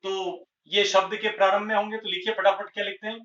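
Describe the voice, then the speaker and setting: A man teaching a grammar lesson at a board, speaking slowly and deliberately and repeating each example word. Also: sits high, level tone, fairly bright tone. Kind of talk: blackboard Hindi grammar lesson. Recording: echoey room, distant lo-fi mic.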